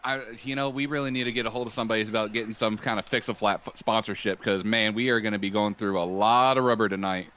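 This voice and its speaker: A man's voice: fairly low pitch, fairly even intonation, fast, few pauses, bright, forceful tone, clear, resonant tone. Folksy man commentating truck races. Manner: folksy, joking, easygoing. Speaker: race commentator. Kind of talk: play-by-play commentary. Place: commentary booth at a fairground track.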